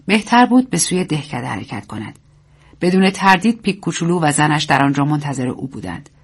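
Husky woman narrating a story. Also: fairly low pitch. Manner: steady, measured reading. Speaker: audiobook narrator.

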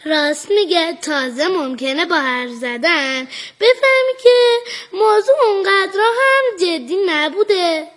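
Chatty little girl, super high voice, eager. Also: lively intonation, a bit bright. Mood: curious. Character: chatty curious young girl Ava.

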